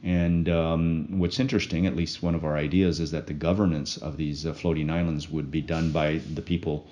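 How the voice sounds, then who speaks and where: Guest in an interview: a man from French Polynesia with a very low voice, unhurried and thoughtful, filler-heavy. Dull lo-fi audio. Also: level tone, warm tone. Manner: thoughtful, many pauses and fillers. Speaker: guest, project co-founder. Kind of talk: casual interview talk.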